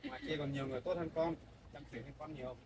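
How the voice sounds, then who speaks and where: Guy talking fast and caring, gravelly voice, mic far off with lots of outdoor noise. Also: fairly high pitch, a little mellow. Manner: caring, coaxing, fast talk. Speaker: husband and son-in-law. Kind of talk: casual family chat. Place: rural home.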